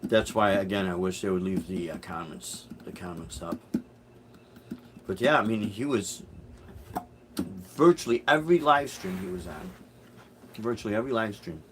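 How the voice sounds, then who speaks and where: A middle-aged Chicago musician hosts a live stream, casually answering viewer comments in a meandering, hesitant manner full of restarts. His voice is lowish and moderately paced, with long pauses and background noise behind it.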